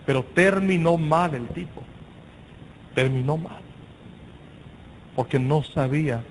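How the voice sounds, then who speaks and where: Animated Mexican man preaching. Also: on the high side, slight background noise, low-quality recording. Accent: Mexican Spanish. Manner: animated storytelling with shouted exclamations and slang. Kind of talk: sermon with personal story.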